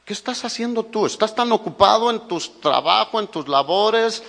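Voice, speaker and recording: A pastor with a Mexican Spanish accent preaches with emphasis, filling his sermon with rhetorical questions for his listeners. His high voice is gravelly yet fairly bright, with lively intonation at a normal speed, heard in an echoey hall.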